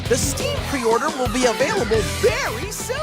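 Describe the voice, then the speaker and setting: A cute mascot character, squeaking out trailer news in a very high, bubbly sing-song. The pitch leaps about cheerfully over loud music. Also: female voice, very animated, moderate pace. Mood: cheery, proclaiming. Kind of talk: game trailer announcement.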